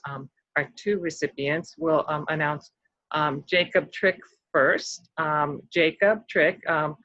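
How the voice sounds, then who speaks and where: A host presenting scholarship awards at an online ceremony, pausing often with ums and slightly losing their voice. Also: medium pitch, fairly bright tone, dry recording, muffled recording. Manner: halting, many ums.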